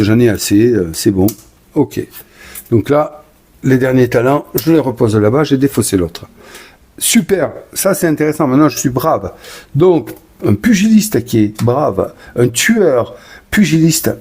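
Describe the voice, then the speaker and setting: A man's voice: medium pitch, darkish tone, husky. A man narrating his own solo board game playthrough in a chatty, enthusiastic way, talking himself through each move and sometimes stumbling and correcting himself. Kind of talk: casual solo game commentary.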